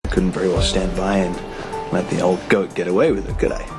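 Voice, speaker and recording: Smooth businessman, played by a man, low voice, music under. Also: flat delivery, fast, natural voice. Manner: smooth, wry. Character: smooth, self-assured male businessman. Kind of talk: soap opera acting.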